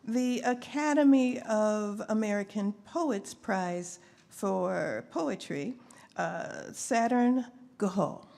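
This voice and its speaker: At a live ceremony, a woman who is a poet hands out awards in a chatty, informal manner, muttering asides to herself along the way. Her mid-range voice is slow and darkish with vocal fry, picked up by a live event microphone over faint background noise.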